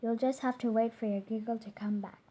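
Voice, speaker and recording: A woman reading aloud the lines of a brisk, matter-of-fact doctor in a children's storybook, giving clipped orders. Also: a little high, steady tone, mellow, lightly acted.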